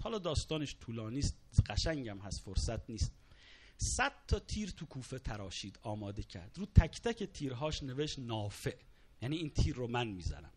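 Dramatic male preacher with lively pitch. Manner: dramatic storytelling, rising to cries and quoted Arabic. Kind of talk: sermon narrating a martyrdom account.

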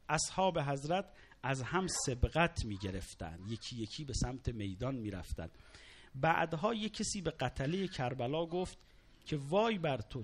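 A man preaching a sermon, recounting a martyrdom story with dramatic storytelling and quoted Arabic lines. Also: medium pitch. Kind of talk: sermon narrating a martyrdom account.

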